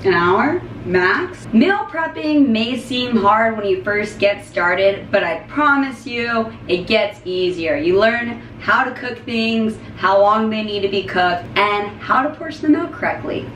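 A woman's voice: medium pitch, animated, a little slow, hardly any pauses, fairly bright tone, far from the mic, a little hiss or hum. A young woman co-hosting a casual cooking vlog in a small home kitchen, playful and sing-song, talking to a camera a few steps away. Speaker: vlog co-host. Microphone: camera mic at a distance. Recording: echoey kitchen from off-mic.

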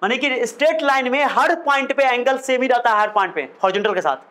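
Man, high pitch, classroom lecture, questioning, repetitive. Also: quick pace, pushed and bright, clear, resonant tone. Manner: quizzing questions, repeating phrases. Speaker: physics teacher.

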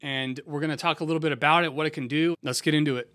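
A young man from San Diego, a music producer hosting a casual software tutorial in a laid-back, slangy, conversational way. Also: fairly high pitch, fairly even intonation, quick pace. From San Diego, USA.

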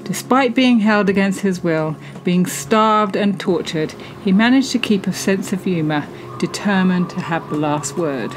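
A woman narrates a travel vlog voice-over in a calm and even way. Her pitch is in the middle range. A faint noise sits behind her. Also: a little slow, hardly any pauses.

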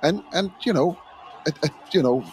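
A man's voice: on the high side, animated, moderate pace, a little mellow, slight background noise. A man giving frustrated, emphatic opinions as a football pundit. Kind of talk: remote studio punditry.

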